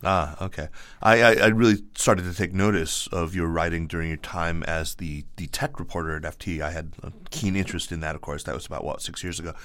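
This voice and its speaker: A man hosting a podcast, talking in a relaxed, joking way with frequent restarts. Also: low-pitched, fairly quick, no echo. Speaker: podcast host. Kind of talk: casual podcast conversation.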